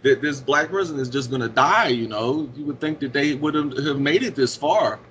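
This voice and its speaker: A man's voice: normal speed, fairly bright tone. Male podcast co-host; rambling, filler-heavy delivery; lo-fi muffled sound. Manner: rambling, many fillers, drops into low mutters. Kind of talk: casual podcast discussion. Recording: dull lo-fi audio with faint hiss.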